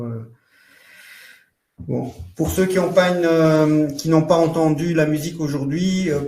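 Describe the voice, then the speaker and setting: A man presenting a live online training for parents, explaining in a loose, halting way full of fillers and restarts. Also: mid-range voice, warm tone, recorded from a distance. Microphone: computer mic in a webinar. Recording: roomy echo.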